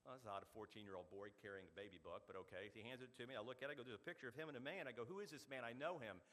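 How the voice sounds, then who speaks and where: Fast, bright-voiced storyteller man. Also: lowish voice. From Oklahoma. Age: middle-aged. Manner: animated storyteller, quick delivery with punchy asides. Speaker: speaker at a club meeting. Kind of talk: storytelling speech. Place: meeting hall.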